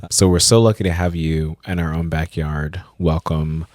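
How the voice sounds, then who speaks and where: Very deep-voiced male podcast host. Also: flat delivery, normal speed, dry recording, studio quality. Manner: warm formal introduction of a guest. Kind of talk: podcast interview introduction.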